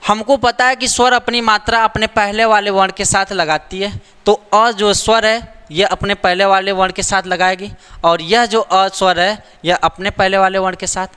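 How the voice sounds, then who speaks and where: A man's voice: high-pitched, steady tone, normal speed, few pauses, bright, forceful tone, smooth, big-room sound. A man teaching a grammar lesson, repeating the rules and asking rhetorical questions to check that students follow. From India.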